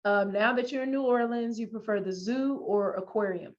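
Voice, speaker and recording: A woman's voice: fairly high pitch, normal speed. A woman, chatting casually and teasingly as a show host. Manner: teasing, familiar. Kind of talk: casual chat. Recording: muffled lo-fi sound.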